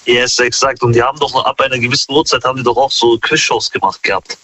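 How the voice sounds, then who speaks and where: Bright-voiced man in his thirties, slangy. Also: mid-range voice, quick pace, a little hiss or hum, poor audio. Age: 30s. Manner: relaxed slangy speech with many fillers. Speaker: interviewee. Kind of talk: casual street interview.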